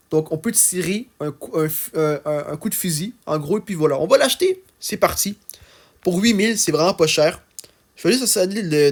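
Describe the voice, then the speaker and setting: A young man with an accent giving casual, chatty gameplay commentary, full of fillers and checking in with "d'accord?". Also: a little high. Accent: non-standard French accent. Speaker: gaming YouTuber.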